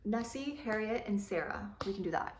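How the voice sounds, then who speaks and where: A woman's voice: medium pitch, expressive, normal speed, a little hiss or hum. A young woman chatting casually in a rambling, chatty way, swearing now and then while she does her makeup. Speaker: beauty vlogger. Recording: roomy echo.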